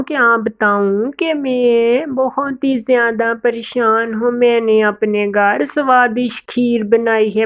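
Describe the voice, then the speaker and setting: A woman voicing a sweet, clever female cartoon sparrow who speaks softly and politely. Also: on the high side, phone-quality sound.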